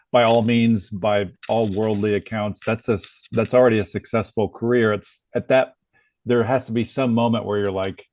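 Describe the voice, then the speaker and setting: An American man with a fairly low voice, hosting a podcast interview. He asks friendly, loosely worded questions with a lot of fillers. The sound is dry and close, with no room echo. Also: darkish tone. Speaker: podcast host.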